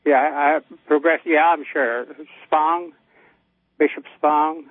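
A ninety-year-old American man phones in to a show and chats casually in a plain-spoken, folksy manner. His voice is a little high, with a steady tone and a slow pace. The dry recording comes through a telephone as dull, lo-fi call audio.

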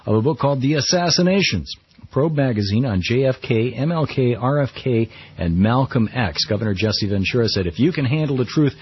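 A man's voice: medium pitch, lively intonation, fairly quick, breathy edge, no echo. An American man hosting a radio talk show, phrasing things in a hesitant, self-correcting way. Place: radio studio. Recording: slightly muffled radio broadcast, dry studio.

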